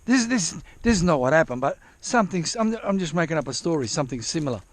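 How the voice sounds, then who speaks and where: A man's voice: on the high side, expressive, fast, dry recording. Rambling, swearing Australian man. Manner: rambling, repeats himself, swears freely. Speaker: vlogger. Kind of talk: casual rambling chat to camera.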